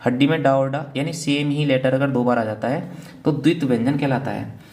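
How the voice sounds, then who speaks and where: A man's voice: mid-range voice, fairly even intonation, fairly quick, darkish tone. A man teaching an exam revision lecture, asking questions and answering them himself and often checking in with "theek hai na". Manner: asks question then answers it.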